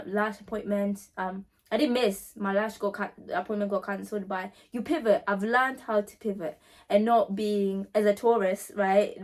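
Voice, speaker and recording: Her voice is medium-pitched and a little mellow as this pageant winner runs a chatty question-and-answer vlog. Addressing viewers directly and conversationally, she speaks emphatically and repeats phrases to drive points home.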